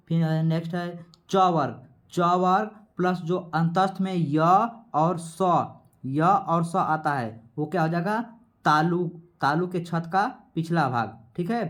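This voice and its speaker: Man quizzing himself through a lesson. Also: a little high. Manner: repetitive, quizzing, asks and answers himself; sounds out letters slowly. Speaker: teacher. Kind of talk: exam-prep grammar lesson.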